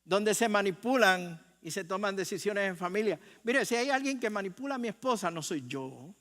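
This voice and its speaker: In a church sanctuary with a long hall reverb, an older male pastor with a Puerto Rican accent preaches conversationally, questioning the congregation and joking. His voice is high, expressive, and fairly bright, at a moderate pace.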